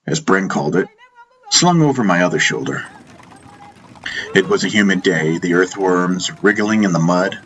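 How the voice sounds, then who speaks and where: This is audiobook narration of a first-person fantasy tale, read from a script by a man whose deep voice is husky yet fairly bright. Music runs underneath the reading.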